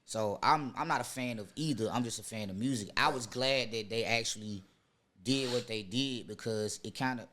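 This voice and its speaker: A man's voice: mid-range voice, normal speed, bright, forceful tone, a little hiss or hum. Laid-back, insistent man chatting casually. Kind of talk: casual chat.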